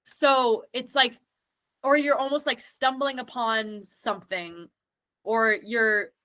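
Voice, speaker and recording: Slowly and with fairly even intonation, a woman whose voice is a little high and fairly bright talks as a guest in a casual interview. She's a singer and actor, and her musings ramble, with many a "like" thrown in.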